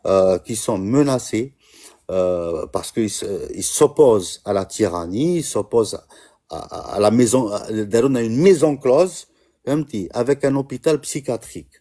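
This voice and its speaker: Halting Constantine-accented Algerian man. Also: fairly low pitch, dark tone. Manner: halting, many "euh" fillers, mixing Arabic and French. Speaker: diaspora activist on a live stream. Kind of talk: impassioned live-stream monologue.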